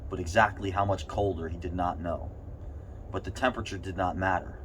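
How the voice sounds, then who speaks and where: Very low-voiced man reading aloud in the cold. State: cold, sitting in an ice bath. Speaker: reader. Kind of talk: reading a short story aloud. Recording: steady background noise.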